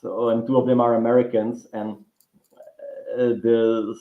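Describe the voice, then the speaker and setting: The guest, a writing teacher and author from the Czech Republic, answers relaxed interview questions in a mid-range voice, flat and measured, with a Czech accent. He rambles, restarting and filling pauses often, on a roomy, muffled lo-fi recording.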